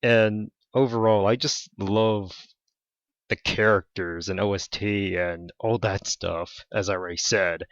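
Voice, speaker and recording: A man's voice: deep voice, fairly even intonation, a little slow, hardly any pauses, a bit bright, smooth, no echo. A man speaking enthusiastically and a bit repetitively in a casual monologue. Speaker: fan. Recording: dull lo-fi mic.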